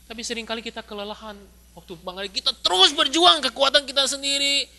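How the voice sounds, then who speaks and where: A man's voice: extremely high pitch, fast talker, gravelly. A male pastor from Indonesia giving a sermon in a church, chatty and full of rhetorical questions. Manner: lively, conversational preaching with rhetorical questions.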